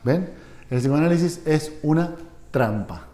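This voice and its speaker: A fairly high-voiced man teaching a seminar. His tone is dark and mellow. He keeps checking in with his listeners and briefly acts out imagined exchanges. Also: lively intonation, measured pace. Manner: conversational, asks the audience for agreement, acts out short quoted dialogues. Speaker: seminar lecturer on psychoanalysis. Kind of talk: live seminar lecture.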